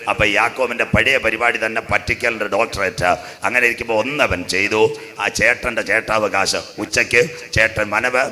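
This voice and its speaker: A man's voice: fairly low pitch, sharp tone. A male pastor, telling a Bible story with jokes and preaching a sermon.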